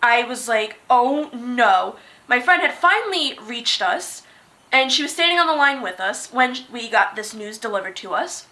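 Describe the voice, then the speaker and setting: A high-voiced young woman tells a story-time vlog to her camera. Her tone is bright and sharp, and she talks with animated, dramatic flair. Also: moderate pace. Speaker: vlogger.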